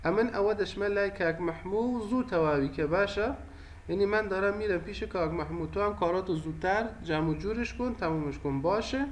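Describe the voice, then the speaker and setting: Guy with a pretty high voice teaching slow and patient, faint hiss behind. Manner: patient, repeats and explains each phrase. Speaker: language teacher. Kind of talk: explanatory lesson narration.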